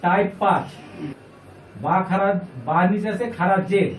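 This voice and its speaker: A man's voice: high-pitched, normal speed, crowd noise. A man teaching a class how to read the Quran, patiently repeating each point and putting questions to the students. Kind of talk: classroom lesson. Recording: echoey room, distant mic, faint noise.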